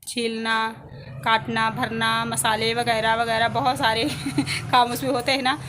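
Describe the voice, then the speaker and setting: A woman in her thirties with an Indian Hindi accent vlogs from her home kitchen, chatting casually with viewers as she does housework. Her voice is fairly high, flat, and at normal speed, with reverb and background noise in the recording.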